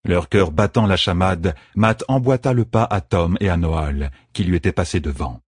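Deep husky male audiobook narrator. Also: no room sound, clean studio sound. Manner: slow, measured reading. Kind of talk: scripted narration.

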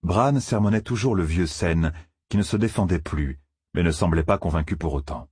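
A man narrating a fantasy novel as an audiobook, expressive storytelling. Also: low-pitched, moderate pace, breathy edge, no echo, clean studio sound.

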